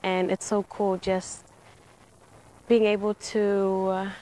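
A young woman athlete with a mellow voice and flat intonation. She answers in a casual interview manner, at a middle pitch. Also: takes it slowly, poor audio. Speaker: rugby player.

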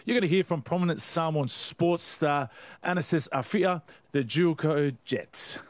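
A man's voice: on the high side, unhurried, no echo. A man hosting a sports show in an upbeat, casual radio chat style.

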